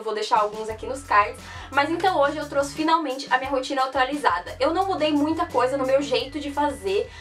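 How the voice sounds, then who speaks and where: A young woman with a Brazilian accent and a hoarse, sick-sounding voice chats casually to camera as a beauty vlogger. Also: a little high, fairly bright tone, recorded from a distance. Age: young adult. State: hoarse with flu and sore throat. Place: small bedroom. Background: music.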